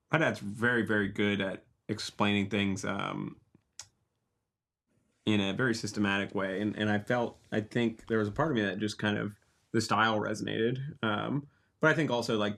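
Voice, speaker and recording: A man's voice: fairly low pitch, vocal fry, fairly bright tone. A young man answering as a guest, hesitant and thoughtful with many fillers. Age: young adult. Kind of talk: casual interview answer.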